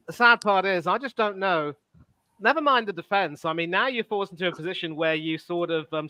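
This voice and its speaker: A man's voice: high voice, sharp tone, no echo. A man hosting a casual football discussion, opinionated and full of fillers. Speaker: podcast host.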